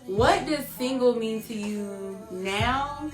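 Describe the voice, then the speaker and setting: A woman in her twenties hosting a casual chat, talking quickly and asking questions. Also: a little high, roomy sound, faint music behind. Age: 20s. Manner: quick, lively, asks questions. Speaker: host.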